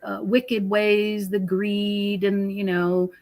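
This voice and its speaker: In a slow, level, mid-range voice with a darkish tone, a woman who writes about and researches prophecy explains her beliefs on a podcast. The conversational interview finds her emphatic and preachy, repeating words and checking in with the listener.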